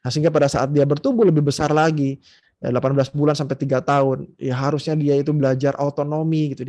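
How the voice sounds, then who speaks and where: A man who is a psychologist, giving an online seminar lecture, animated and acting out scolding parents' voices, with many fillers. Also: on the high side. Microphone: video call.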